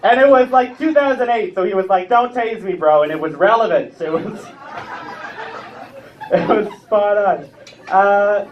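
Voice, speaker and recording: High, lively man doing stand-up. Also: unhurried, long pauses, slight background noise. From Ontario, Canada. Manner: self-mocking, chatty asides to the crowd. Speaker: stand-up comedian. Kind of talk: live stand-up set. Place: comedy club stage with a live audience. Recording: distant, muffled club recording.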